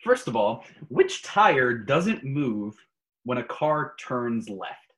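A man's voice: medium pitch, very animated, slow, fairly bright tone. A man co-hosting a podcast, casually reading brain teasers to a friend in a playful, teasing way. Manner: playful, teasing quizmaster who laughs often. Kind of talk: casual chat.

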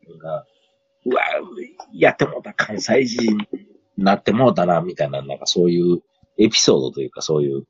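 A man's voice: deep voice, fairly quick, slightly rough, no room sound, highs cut off. A man with a Kansai accent, asking rambling, hesitant questions in a casual podcast chat.

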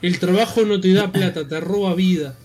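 A man's voice: high-pitched, moderate pace, a little mellow, soft background music. A man co-hosting a casual podcast, teasing his friend and laughing along. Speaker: podcast co-host.

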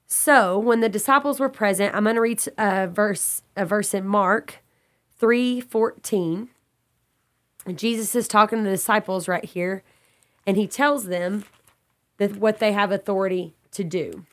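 Stuffy and slightly raspy from a cold, a woman from Texas guides a Bible study in a mid-range voice at a measured pace. Her delivery is earnest and steady, and she builds her points by going back over them and rephrasing.

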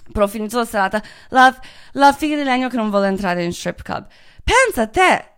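A woman's voice: medium pitch, fast talker, clear, resonant tone. A woman telling candid personal stories in a casual, profane monologue, often slipping phrases into her Italian. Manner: frank, profane, mixes English into Italian. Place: Los Angeles.

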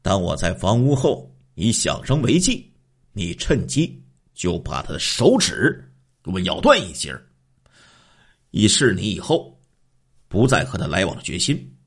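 A man voicing a cruel, jealous husband who scolds his wife gruffly. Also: low-pitched, wildly swooping pitch, a little slow, pauses often, exaggerated voice. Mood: menacing.

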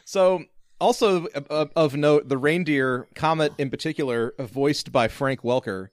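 A man co-hosting a podcast, explaining points in a relaxed way. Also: a little high, normal speed, dry recording, studio quality. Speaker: podcast host. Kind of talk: casual podcast chat.

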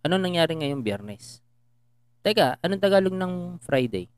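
A man's voice: on the high side, very animated, moderate pace, clear, resonant tone. A young man co-hosting a casual podcast, teasing his friend and laughing often. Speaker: podcast co-host. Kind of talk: casual Tagalog podcast chat.

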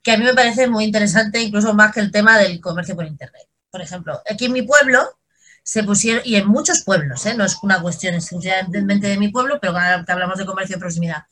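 A man's voice: high voice, pushed and bright, slight background noise. A man from Spain explaining his point with examples in a casual political debate. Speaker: political panelist.

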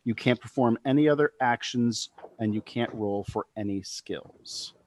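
A man's voice: medium pitch, unhurried, a little hiss or hum. A man taking part in a tabletop game, talking casually and reading out rules. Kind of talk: casual talk and rules read-out.

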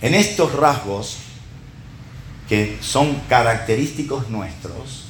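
A man's voice: medium pitch, slow pace, roomy sound, a little hiss or hum. A middle-aged man with a Rioplatense Spanish accent giving a conversational sermon, tossing rhetorical questions and little check-ins at his listeners.

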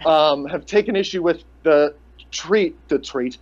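A man with a fairly high voice co-hosts a podcast, rambling and ranting with sarcastic, foul-mouthed asides. The audio is dull and lo-fi, like a cheap home recording. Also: unhurried. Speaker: podcast co-host. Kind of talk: casual rant about pro wrestling.

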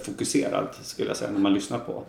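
A man from Gothenburg with a softened Gothenburg accent, chatting and explaining at length as a podcast co-host, with lots of fillers. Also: on the low side, level tone, creaky, roomy sound, a little hiss or hum. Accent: Gothenburg Swedish, softened. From Gothenburg, Sweden. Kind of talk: casual chat.

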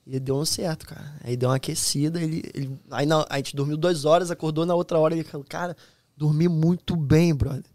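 Man, Brazilian accent, podcast guest, casual slangy storytelling, fairly high voice, dry close studio mic. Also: fast talker, hardly any pauses, dry recording. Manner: slangy, animated, fond of filler slang. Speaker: guest, former U.S. Army soldier. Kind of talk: casual anecdote telling.

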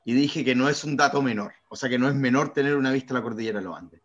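A man's voice: mid-range voice, fast. A young man with a Chilean Spanish accent, co-hosting a podcast in casual banter, joking, swearing and arguing. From born in Brazil, raised in Chile. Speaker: podcast co-host. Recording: dull lo-fi sound.

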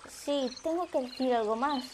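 A woman voicing a tired, wise silver female cat who speaks quietly and seriously. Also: sits high, normal speed, slight background noise, close to an everyday voice.

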